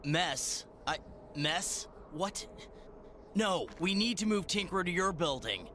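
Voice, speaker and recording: A man's voice: high-pitched, lively intonation, slow, sharp tone, slight background noise, full character voice. An actor playing a wisecracking young male superhero with a sarcastic, quippy manner.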